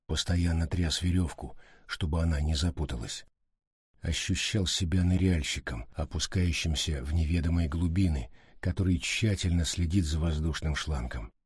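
Male audiobook narrator, very low voice, husky, dry close sound, measured horror reading. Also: a little mellow, no echo.

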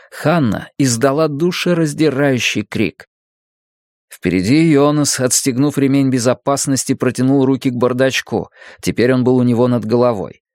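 A man reads a dramatic audiobook in a steady, measured way. His voice sits at a middle pitch. The recording is dry, with no room sound. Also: dry recording. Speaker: audiobook narrator.

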